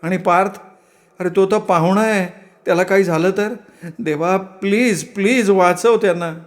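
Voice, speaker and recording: A man's voice: high voice, normal speed, voice pushed up, lightly acted. A man voicing a frightened young woman in a told story, fretful and pleading. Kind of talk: dramatic storytelling.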